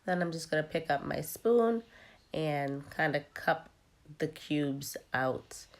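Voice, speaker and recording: A young woman talks through her cooking in a relaxed, chatty way, with plenty of ums along the way. Her voice sits low and sounds tired, worn down by a cold. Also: takes it slowly. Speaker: cooking vlogger. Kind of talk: casual cooking narration.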